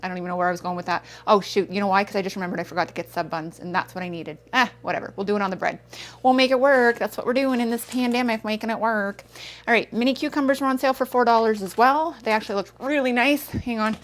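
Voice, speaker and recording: A woman's voice: fairly high pitch, fast talker. Chatty woman vlogger. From Canada. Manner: chatty, rambling, with self-aware asides. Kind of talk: casual grocery haul vlog.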